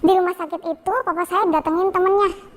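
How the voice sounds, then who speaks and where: Young woman, very high voice, halting testimony, repeats herself. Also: steady tone. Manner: halting, repetitive, with many fillers. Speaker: guest telling her story. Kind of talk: personal testimony.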